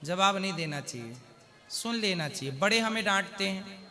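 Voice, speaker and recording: A man speaking as a spiritual guru on stage, counseling a couple with questions and slowly recited couplets. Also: high-pitched, animated, pushed and bright, faint music behind. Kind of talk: devotional advice to a couple. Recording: long hall reverb.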